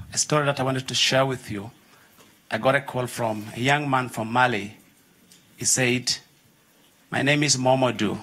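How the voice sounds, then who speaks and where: A young man speaks from the audience at a conference, earnest and steady, with a mid-range voice. He tells a personal story and voices the people in it. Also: medium pitch. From Uganda. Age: young adult. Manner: earnest, acts out dialogue in his story. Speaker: audience member telling his story.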